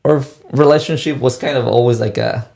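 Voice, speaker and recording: Young man, halting storyteller, restarts a lot. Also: mid-range voice, steady tone, gravelly, darkish tone. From Mexico. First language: Spanish. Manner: halting, restarts and repeats words. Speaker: guest. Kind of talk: casual personal storytelling.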